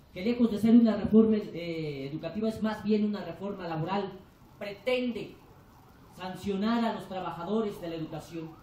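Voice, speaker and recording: A teacher and union delegate from Chiapas, Mexico, with a Mexican Spanish accent, delivers an impassioned forum speech, declaiming and building rhetorical lists. Her or his warm, mid-range voice carries a little hiss or hum and was recorded from far off in a large, echoey lecture hall.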